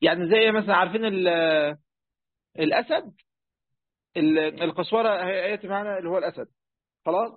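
Quick high-voiced Egyptian teacher. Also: male voice, no echo, narrow, tinny audio. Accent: Egyptian Arabic. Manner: conversational, asks students questions, many fillers. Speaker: teacher of Quran commentary. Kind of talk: classroom lesson explaining a text.

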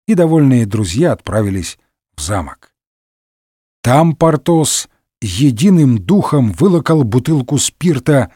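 A man narrating a comic parody story with wry, lively storytelling. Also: medium pitch, breathy edge, no echo, studio quality.

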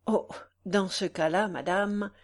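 A woman reading the part of a grave, military-mannered fencing master of about forty, speaking politely and calmly. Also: medium pitch, slow pace.

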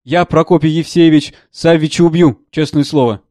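A man voicing an earnest, brooding young man in an audiobook reading of a play, in plain low-key speech. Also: normal speed, a little mellow, dry recording, clean studio sound, lightly acted.

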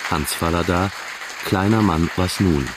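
A man announcing the closing credits of a radio audiobook in a formal, even way. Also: sits low, a little slow, a loud crowd, heavy background noise.

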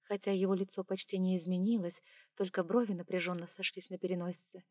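A woman reading a first-person romance audiobook in a steady, measured, intimate way. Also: on the low side, no echo, studio quality. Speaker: audiobook narrator.

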